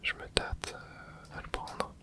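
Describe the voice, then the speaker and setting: A gaming channel host whispers casual commentary over gameplay, rambling and thinking out loud with plenty of hesitations and filler words. The delivery is slow and the tone sharp.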